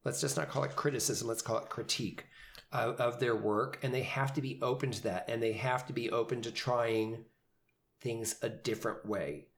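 A man talking through his thoughts in a relaxed podcast chat, his voice sitting at an ordinary middle pitch. He rambles a little, circling back with fillers and restarts as he explains how he directs actors. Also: moderate pace, vocal fry. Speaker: community theater director. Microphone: headphones and studio mic.

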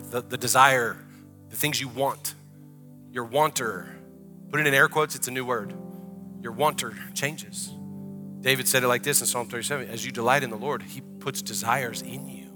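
A man from the American South with a Southern accent, preaching a conversational sermon in a church and rising to loud, drawn-out prayer. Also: medium pitch. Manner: drawn-out, emphatic phrasing in the closing prayer. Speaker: pastor. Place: church hall.

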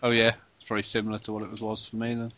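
A man hosting a casual podcast about video games, chatty and quick to laugh. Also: lowish voice, completely flat delivery, fairly bright tone, dry recording. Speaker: podcast host.

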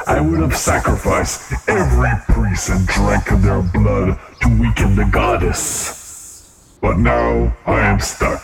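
A gravelly, low-voiced demon lord of hell, proclaiming his titles with grand self-importance. He speaks slowly, weighing every dark word. Loud music plays behind him. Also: full character voice. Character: boastful male demon lord of hell, pompous.

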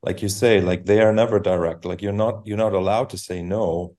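A man hosting a podcast interview, relaxed and conversational, nudging his guest along with short acknowledgements. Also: on the low side, fairly quick. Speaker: podcast host. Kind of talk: casual interview.

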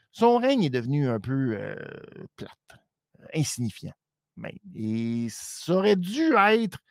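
A man with a Quebec French accent recapping a wrestling show in casual live-stream commentary, animated and mock-dramatic, with frequent hesitations. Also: on the high side, no room sound, studio quality.

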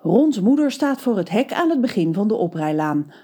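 A woman narrating a scripted children's audio story in a lively, expressive way. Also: medium pitch, moderate pace.

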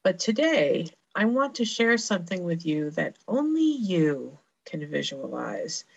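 Slow, gravelly American woman storyteller. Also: on the low side, very animated. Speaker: religious education director telling a story to a congregation. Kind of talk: slow guided-visualization storytelling. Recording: band-limited, dull lo-fi sound.

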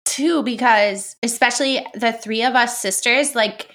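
A woman co-hosting a podcast in casual chat with her sister, chatty and quick to laugh, with a girlish voice. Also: fairly bright tone. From Illinois. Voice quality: high-pitched girlish voice. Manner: chatty, laughs often, many fillers. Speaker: podcast co-host.

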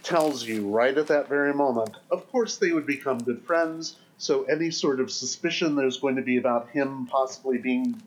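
Guy guesting on a podcast, thoughtful, measured, middle pitch. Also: poor audio. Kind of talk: casual podcast chat.

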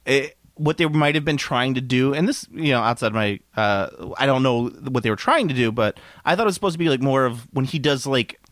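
A man's voice: medium pitch, expressive, fairly quick, few pauses, a bit bright, no room sound, clean studio sound. A man co-hosting a casual movie chat, rambling and laughing often, restarting his sentences.

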